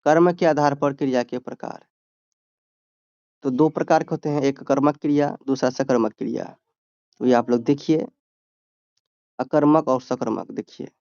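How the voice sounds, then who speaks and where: A man's voice: mid-range voice, steady tone, moderate pace, long pauses, a little mellow, clear, resonant tone, dry recording, dull audio. A man tutoring students for an exam, explaining grammar step by step and answering his own questions. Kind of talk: exam-prep grammar lesson.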